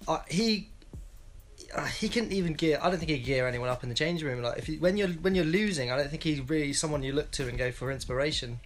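There's a little hiss or hum as this young football vlogger talks at a quick pace in a slightly high voice. In his twenties, he offers blunt, rambling opinions in a casual solo analysis recorded from a small home room via a wired earphone mic.

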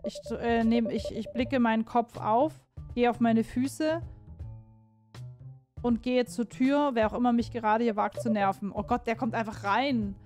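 Woman streamer reading a dating game out loud, translating as she goes, kinda high voice, soft music under it. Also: measured pace. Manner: translates on the fly with frequent restarts and commentary. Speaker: let's play host. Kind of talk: casual let's play, reading and translating game text aloud.

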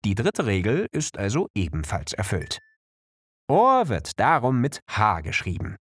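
Male narrator for a kids' lesson: slow, very animated pitch, dry studio sound. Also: dry recording. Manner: slow, clear explanations with lively pitch. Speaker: narrator of an educational video. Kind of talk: scripted narration for children.

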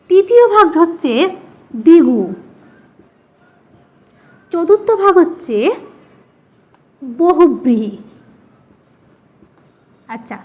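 A woman with a very high, bouncing voice leads an exam-prep grammar lesson. She poses questions to her students and answers them herself, saying each key word again, slowly. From West Bengal. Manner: repeats key words, asks and answers her own questions. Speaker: teacher.

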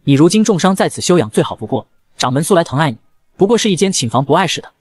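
A man voicing a stern, quick-tempered old sect elder who scolds gruffly, in a fast manga recap narration. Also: a little high, sing-song, no echo. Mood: concerned.

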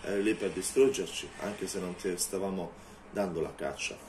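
A man voicing a cold, contemptuous male vampire in a low, threatening tone. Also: moderate pace, a little mellow, slight background noise. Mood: scornful.

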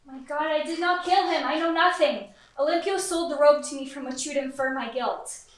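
A woman's voice: sits high, normal speed, natural voice. A woman playing a tortured male assassin in a live stage play, begging and desperate. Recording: echoey hall from far off.

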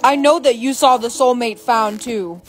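A pushy young guy who won't take no for an answer, played by a woman in a high, light voice. He pleads and insists through a comedy skit, with music running behind. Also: moderate pace, close to an everyday voice. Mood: pleading. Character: young man, persistent love interest. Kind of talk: acted POV skit.

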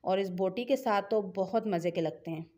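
A woman's voice: mid-range voice, normal speed, mellow. A middle-aged woman with a Pakistani Urdu accent, talking viewers through a home cooking recipe in a chatty, encouraging, instructive way. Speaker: cooking channel host. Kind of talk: home cooking tutorial voice-over.

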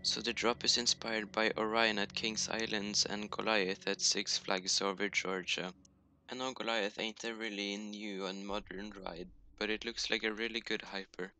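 Over poor audio from his home computer mic, a man from Norway, a YouTuber speaking accented English as a second language, gives a casual voice-over of his video game build, joking at his own expense. His voice is lowish and sharp, with little pitch movement, a moderate pace, and a bit of hiss or hum.

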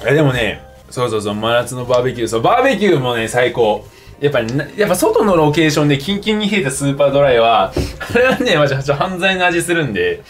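A man's voice: mid-range voice, sing-song, fast talker. A tipsy young man chatting casually and rambling in slangy speech as he livestreams a game over drinks. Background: game music.

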